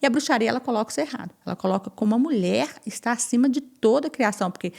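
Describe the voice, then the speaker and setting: A woman guest on a podcast, telling her personal testimony in an animated way, repeating phrases and acting out what others said. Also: fairly high pitch, very fast, vocal fry. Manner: animated, repeats phrases and acts out quoted speech.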